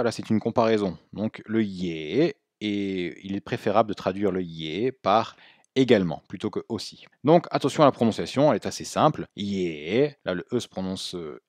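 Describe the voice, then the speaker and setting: Low-voiced man teaching Mandarin. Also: darkish tone, no room sound, clean studio sound. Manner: explains patiently, repeats Chinese words slowly; casual, self-correcting with fillers. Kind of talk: spoken language lesson.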